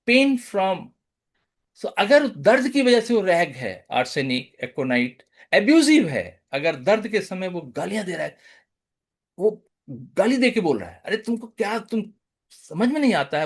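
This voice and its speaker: A man's voice: high voice, big pitch swings, a little slow. A man with an Indian English accent giving a webinar lecture on homeopathy over a video call, listing remedy names one by one and mixing Hindi and English.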